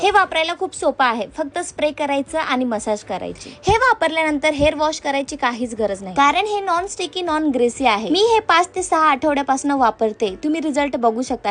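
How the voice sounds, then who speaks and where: Product-demo voice, woman, bright high pitch.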